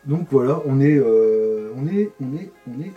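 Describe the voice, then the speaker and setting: A man's voice: medium pitch, lively intonation, unhurried, highs cut off, soft background music. A man hosting a casual video, chatting as he assembles a model. He rambles with many fillers and repeated words. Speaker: host.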